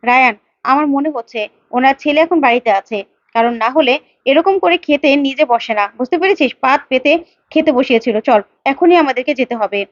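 A woman's voice: high-pitched, fairly quick, no room sound, natural voice. A woman voicing a polite, probing young woman investigating a mystery, on a dull lo-fi recording.

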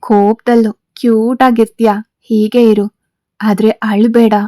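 An arrogant, teasing gang boss husband in a spoken romance story, read by a woman. The voice sits fairly high with a mellow, dark tone. The sound is dry and close. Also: little pitch movement, a little slow, no room sound, lightly acted.

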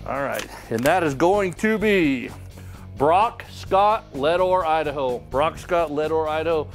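A man's voice: fairly high pitch, expressive, measured pace, soft background music. A middle-aged man hosting a membership sweepstakes drawing, talking in a folksy, upbeat way as he reads out winners and their towns in a wood-paneled room. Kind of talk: casual announcing to camera.

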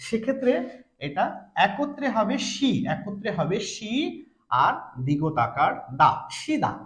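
A young male teacher from Bangladesh walks through a language lesson with a high, very animated voice that rises and falls freely. He poses his own questions, answers them, and says each point again. The room gives the voice a noticeable echo. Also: measured pace. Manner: repeats each point twice, explaining by asking and answering.

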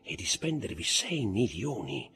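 A man's voice: fairly low pitch, sing-song, a little slow, voice pushed up. A man reading aloud and voicing a cheerful young aristocrat who jokes lightly about a rich acquaintance. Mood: amused.

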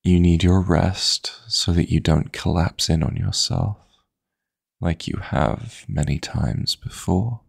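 A man takes it slowly in full character as a dream demon lover who's seductive, possessive, and tender, murmuring flirtatious endearments. His gravelly, husky, breathy low voice sounds concerned and coaxing in this intimate romantic sleep-aid audio roleplay. The recording is dry, made on a close studio-style microphone.

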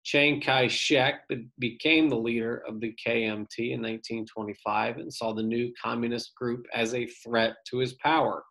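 A male teacher reading an article aloud to his students for an online lesson, steady and plain with brief casual asides. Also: mid-range voice, moderate pace, gravelly, hardly any pauses.

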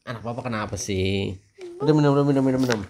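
A man's voice: mid-range voice, fast talker, a little mellow, a little hiss or hum. A man filming a casual family vlog, teasing his crying daughter in a playful way and laughing often at home.

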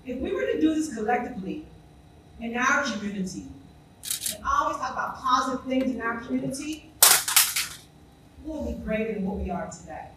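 This South Carolina woman, a school staff member, gives a forceful tribute speech at a ceremony, stacking up repeated phrases. She sounds fairly high and quick, with wide pitch swings and long pauses. The recording is very noisy, with her voice distant in an echoey school hall before a live crowd.

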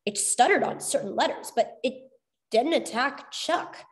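Woman, storybook narrator, clear expressive read-aloud, fairly high voice. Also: a little slow.

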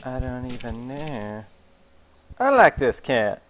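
A man's voice: mid-range voice, big pitch swings, takes it slowly, a bit bright, a little hiss or hum, low-quality recording. Jumpy, swearing young man streaming a game. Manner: jumpy, swearing, laughing, talks back to the game. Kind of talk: live gameplay commentary. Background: game music.

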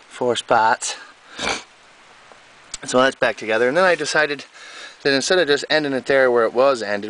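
Recorded on a handheld camera's mic in an overgrown yard, a man with a mid-range voice chats in a folksy, meandering way about his own mechanical project. The audio is rough and hissy.

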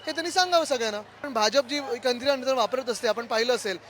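A man's voice: extremely high pitch, fast, fairly bright tone, slight background noise. A man, an opposition politician speaking sarcastically and combatively to reporters on a street.

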